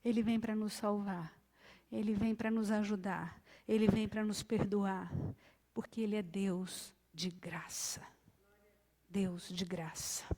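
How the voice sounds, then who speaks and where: A woman with a Brazilian accent leading a church Bible study, animated, acting out little scenes and dropping soft for prayers. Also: medium pitch, takes it slowly. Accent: Brazilian Portuguese. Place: church hall. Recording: long reverb in church hall.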